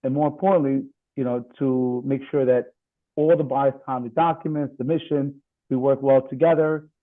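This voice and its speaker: A man, a real estate attorney, explaining things in a steady, measured way during a seminar. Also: mid-range voice. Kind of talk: seminar presentation on video call. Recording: tinny phone-like call audio.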